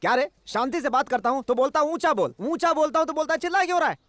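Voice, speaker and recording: A man voicing a loud, fussing middle-aged uncle in a dubbed film, talking in an animated, exclaiming way. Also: extremely high pitch, fast, dry recording. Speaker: hero's maternal uncle. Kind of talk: Hindi film dub.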